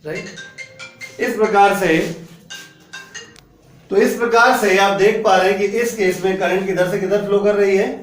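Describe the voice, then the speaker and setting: A man teaches physics in a classroom and walks through each point step by step, often checking that his students follow. His voice sits high for a man. The room is echoey and he sounds a little away from the mic. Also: fairly even intonation, measured pace, pauses often, faint music behind. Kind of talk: classroom lecture. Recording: echoey room, voice a bit distant.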